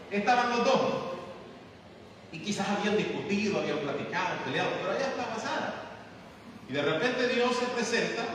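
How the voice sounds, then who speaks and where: A male pastor preaching emphatically, acting out scenes and stretching out key phrases. His high voice bounces around a very echoey church hall, picked up from a distance over a faint hiss. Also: a bit bright. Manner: emphatic preaching, acts out dialogue, drawn-out pauses. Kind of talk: sermon.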